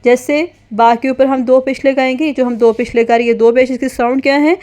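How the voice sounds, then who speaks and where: A woman teaching children letter sounds in a slow, patient lesson. She repeats each sound several times and explains how to pronounce it. Her voice sits a little high. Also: fairly even intonation, darkish tone, lo-fi sound. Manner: patient, drills letters repeatedly, mixes in English words. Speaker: Quran reading teacher for children.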